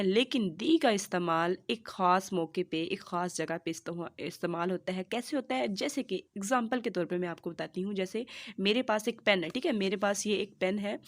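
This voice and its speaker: Woman, grammar teacher, patient, slow careful English examples, classroom lesson. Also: medium pitch. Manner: patient, repeats "theek hai" to check understanding; spells out English examples slowly and deliberately. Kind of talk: classroom lesson explaining articles.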